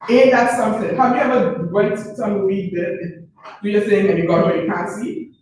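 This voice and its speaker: Man, high voice, motivational speaker, repeats himself for emphasis, asks "right?" a lot, very echoey meeting room, far from the mic, faint background noise. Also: normal speed. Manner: keeps checking in with the room, asking 'right?'. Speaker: presenter at a business information session. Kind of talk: motivational talk to a live group.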